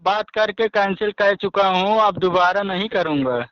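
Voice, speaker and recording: A man's voice: high voice, normal speed, no room sound. A man with a rustic eastern Uttar Pradesh accent, talking casually and insistently as a customer on a phone call, often repeating himself. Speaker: telecom customer on a support call. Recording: dull, dry phone recording.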